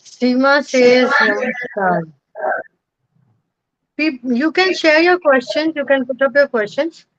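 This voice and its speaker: A woman co-hosting, reading viewer questions out slowly and haltingly. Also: high voice, a bit bright, dry recording, lo-fi sound.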